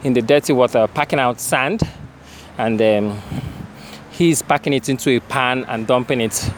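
Faint vehicle and street noise surrounds a man reporting from outside near a bridge. His pitch is medium and his pace moderate, and he moves between Nigerian-accented English and Nigerian Pidgin in a halting, unscripted field report and interview.

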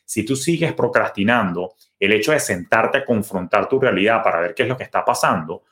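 Man, middle-aged, earnest coaching podcast monologue, lowish voice. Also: expressive, a little fast, a bit bright. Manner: earnest, coaching, uses everyday examples. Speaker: personal finance podcast host.

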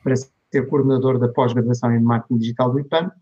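His voice is mid-range and dark, with fairly even intonation and a quick pace. A middle-aged Portuguese digital marketing lecturer with a European Portuguese accent, he is an interview guest telling conversational stories and voicing the people he quotes. It's a dull lo-fi recording.

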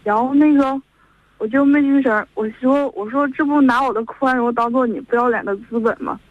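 A woman's voice: high-pitched, fairly even intonation, fairly quick, no echo. A young woman in her twenties with a Northeastern Mandarin accent, calling in and telling her story in a rambling way, stringing events together with "and then". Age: 20s. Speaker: caller. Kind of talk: call-in chat. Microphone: telephone. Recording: dull lo-fi phone line.

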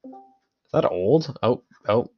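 A man's voice: medium pitch, expressive, takes it slowly, husky. A young man chatting casually with his friends in joking gamer-bro banter full of slang. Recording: dull lo-fi mic sound.

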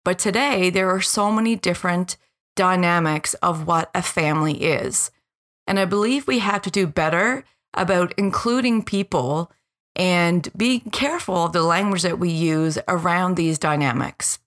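A woman in her forties with a slightly low voice gives a personal, reflective monologue as a podcast host. She speaks directly to listeners in an earnest, deliberate way. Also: a bit bright.

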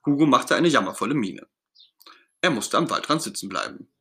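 Reading a children's story as the narrator, a man speaks fairly quickly at a medium pitch, his delivery gentle and expressive.

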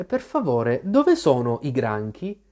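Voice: medium pitch, huge pitch swings, takes it slowly, a little mellow. A reader voicing a polite, curious little girl in a storybook reading. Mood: earnest. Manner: polite and earnest.

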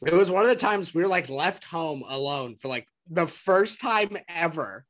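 A man's voice: a little high, lively intonation, normal speed, fairly bright tone. A young man co-hosting a podcast, telling stories and teasing his friends. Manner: teasing, tells stories with a laugh. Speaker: podcast co-host. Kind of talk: casual storytelling chat.

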